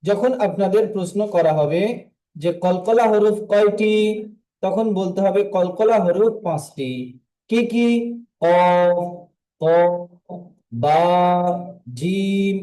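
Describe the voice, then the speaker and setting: A man's voice: sits high, unhurried, mellow, rough recording. A man teaching a tajweed lesson online, patiently repeating letters and drilling the sounds again and again. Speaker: Quran recitation teacher.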